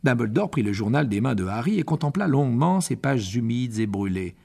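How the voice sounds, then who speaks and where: A male audiobook narrator reading in a measured, expressive way. His voice is gravelly and a little husky, and it moves around a lot in pitch. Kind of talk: scripted narration.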